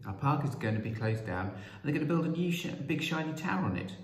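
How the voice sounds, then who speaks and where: A man's voice: fairly high pitch, lively intonation, fast talker, voice pushed up, close to an everyday voice. A man voicing a shy, earnest young schoolboy who speaks hesitantly, in a read-aloud children's story. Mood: timid. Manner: timid, hesitant. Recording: roomy echo.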